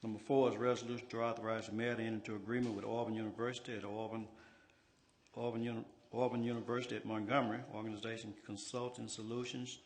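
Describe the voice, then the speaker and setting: A man's voice: fairly low pitch, little pitch movement, fast talker. A man presiding over a council meeting as its president, running formal procedure. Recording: noisy meeting room ambience.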